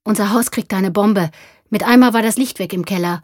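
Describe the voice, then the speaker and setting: A woman's voice: medium pitch, fairly quick, no echo, clean studio sound, pitched above the performer's own voice, close to an everyday voice. A woman voicing an earnest, stubborn nine-year-old boy in a told story. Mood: distressed. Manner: defiant then shaky, pleading.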